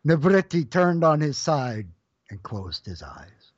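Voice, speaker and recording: A storyteller giving an expressive, lilting reading of a storybook. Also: medium pitch, slow pace, breathy edge, no echo. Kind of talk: storybook narration. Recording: dull lo-fi dry recording.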